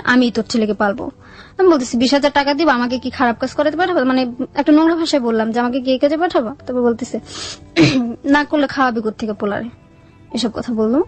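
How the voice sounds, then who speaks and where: Her voice sitting on the high side, a young adult woman with a Bangladeshi Bengali accent talks through her life story while being interviewed. She keeps it colloquial and plain-spoken.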